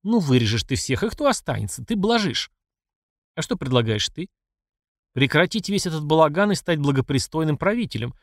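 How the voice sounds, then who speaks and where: A man's voice: on the high side, sing-song, fairly quick, dry recording, studio quality, pitched above the performer's own voice. A man voicing a cold, proud older woman, a dowager empress, with an icy, clipped way of talking.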